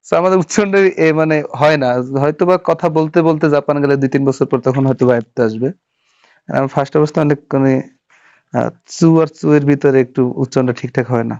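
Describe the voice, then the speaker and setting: A man's voice: mid-range voice, steady tone, fairly quick, darkish tone. A man teaching a Japanese writing class, patiently walking through each stroke step by step and checking that students follow. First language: Bengali. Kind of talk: classroom lesson. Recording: dull lo-fi sound.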